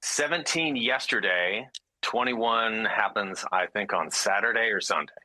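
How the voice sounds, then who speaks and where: A man's voice: fairly low pitch, unhurried, dry recording, rough recording. A man from California guesting on a podcast, chatting in a friendly, joking way. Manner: lively and friendly, jokey. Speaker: guest drummer and voice actor. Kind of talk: casual interview chat.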